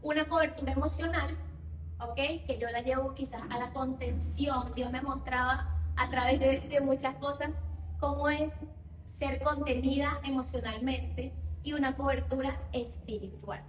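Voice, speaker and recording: A young Venezuelan woman with a Venezuelan accent, giving an earnest personal testimony at church, often repeating her phrases and pausing on fillers. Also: sits high, fairly even intonation, slight background noise. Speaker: church speaker. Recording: echoey room heard from a distance.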